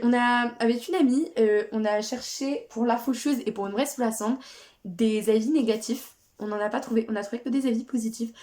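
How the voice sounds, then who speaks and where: A woman's voice: on the high side, darkish tone. A young woman from France talks through a book haul for her vlog. She chats loosely and keeps restarting her sentences with fillers along the way. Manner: chatty, many fillers and restarts. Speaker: book vlogger.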